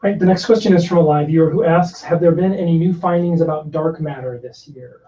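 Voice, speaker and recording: A man reads out viewers' questions plainly, in a fairly high, mellow voice. He sits back from the mic, so he sounds distant and a little muffled. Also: fairly quick. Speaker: Q&A moderator.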